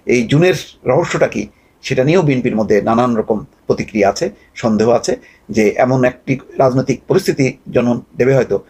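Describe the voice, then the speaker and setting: A man giving a measured, steady news report. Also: medium pitch, husky.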